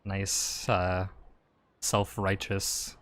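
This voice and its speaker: A woman's voice: a bass voice, flat delivery, very slow. A woman streaming a game, mocking the characters with casual, profane commentary.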